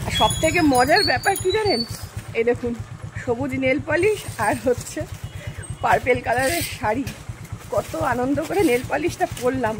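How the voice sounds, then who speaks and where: A young woman vlogs in speech, her voice high and bright. She talks to her viewers casually and keeps asking them questions. The phone recording picks up plenty of background noise. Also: animated, normal speed. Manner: chatty, addresses viewers directly with questions. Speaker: vlogger. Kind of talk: casual vlog narration.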